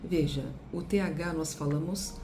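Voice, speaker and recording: Low-voiced Brazilian teacher drilling English sounds. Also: female voice, fairly even intonation, measured pace, dark tone, slight background noise. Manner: exaggerated, drilling repetitions. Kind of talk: pronunciation lesson.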